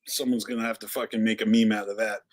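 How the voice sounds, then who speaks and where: A man's voice: fairly low pitch, level tone, quick pace. A man with a Boston accent hosting a casual live stream. He is a little tipsy and talks in a rambling, laid-back, profane way. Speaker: livestream host.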